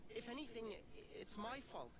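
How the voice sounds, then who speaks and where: A shy young soldier who stumbles over his words and blames himself. His voice sits high for a man. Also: lively intonation, moderate pace. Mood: guilty. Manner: hesitant, stammering. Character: timid young male soldier, self-blaming. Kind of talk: video game cutscene acting.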